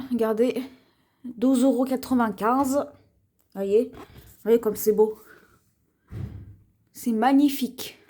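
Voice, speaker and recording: A woman's voice: fairly high pitch, mellow. A woman presenting her shopping haul to viewers in a chatty show-and-tell vlog. She keeps pointing things out and sometimes stumbles over words. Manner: slow, chatty, points things out to viewers, often repeats "voyez"; trips over words and restarts names. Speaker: haul vlogger.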